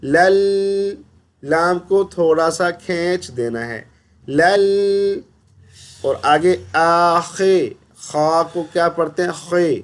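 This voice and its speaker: Male Quran teacher, clear voice. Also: on the high side. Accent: Pakistani. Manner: explains pronunciation step by step, asks and answers his own questions; slow drawn-out recitation of verses. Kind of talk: recitation lesson.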